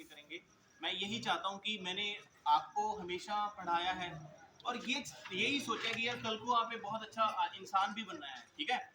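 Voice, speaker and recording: High-voiced man giving a motivational speech. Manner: earnest, storytelling, addresses students directly. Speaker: coaching teacher. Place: school event hall with audience. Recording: echoey hall with noisy ambience.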